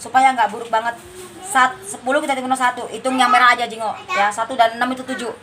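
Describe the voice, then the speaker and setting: A woman with a fairly high voice gives a chatty card reading. She coaxes and scolds her listener by turns. Faint noise hums under her voice. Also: little pitch movement, fast. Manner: chatty, coaxing, refers to herself by name; scolding tone at times. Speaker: card reader. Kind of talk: casual spiritual card reading.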